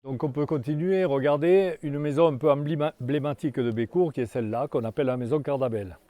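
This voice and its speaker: Older male guide, mellow low tone, outdoors, stop-start delivery. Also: dry recording. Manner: halting, many restarts and fillers. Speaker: tour guide. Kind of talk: guided tour talk. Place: outdoors in a hamlet.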